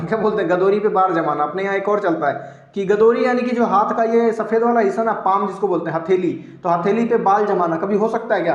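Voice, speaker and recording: A young man from eastern Uttar Pradesh with a Purvanchal accent, teaching an online exam-prep class, joking and repeating each answer for his students. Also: high voice. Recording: roomy, dull lo-fi sound.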